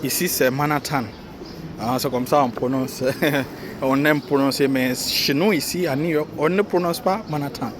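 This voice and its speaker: Slow, halting man over city noise. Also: mid-range voice. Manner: slow, repetitive, halting explanation with many fillers. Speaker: vlogger. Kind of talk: casual walking vlog. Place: outdoors on a city street, then down into a subway station. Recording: street and subway noise behind the voice. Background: city traffic and subway noise.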